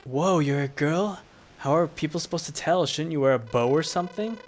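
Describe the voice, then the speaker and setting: A man voicing a brash, eager young male hero in a video game, loud and pushy. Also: a little high, brisk, a little hiss or hum, natural voice.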